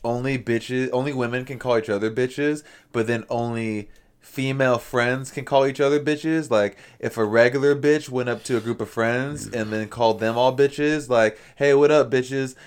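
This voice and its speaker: A man's voice: medium pitch, fairly even intonation, moderate pace, clear, resonant tone. A man co-hosting a podcast, explaining and joking crudely in casual chat. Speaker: podcast co-host.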